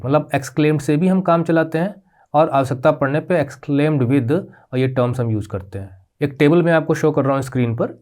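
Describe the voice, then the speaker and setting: A man teaching a grammar lesson as a voice-over on slides, patiently repeating checks and spelling out terms slowly. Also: a little mellow. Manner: patient, repeats "ठीक है?" checks with rising pitch; spells out terms slowly, mixing English words into Hindi.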